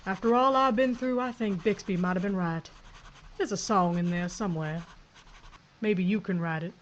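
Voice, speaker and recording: Acting in an audio drama, a woman narrates as a tough frontier sheriff, giving orders in short, brisk, commanding lines with a reflective mood. Her voice is medium-pitched and lightly acted, on a lo-fi recording with slight background noise.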